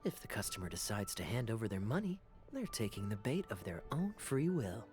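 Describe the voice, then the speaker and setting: A sly, suave game captain, with a lively swing in his pitch. He talks in a wry, unhurried, teasing way over background music. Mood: wry, amused. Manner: smooth, wry, leisurely. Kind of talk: video game voice acting.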